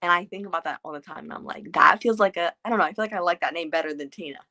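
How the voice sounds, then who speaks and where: A woman's voice: fairly low pitch, very fast, sharp tone. A woman hosting a casual book club chat, talking in loose, rambling sentences full of fillers. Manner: chatty, trailing off with fillers.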